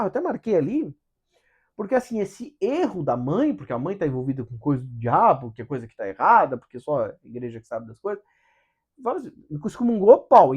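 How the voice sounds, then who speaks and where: Lively husky man hosting a book study. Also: high-pitched. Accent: Brazilian Portuguese. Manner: animated, acts out quotes in changing voices, rhetorical questions. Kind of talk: casual spiritual book study talk.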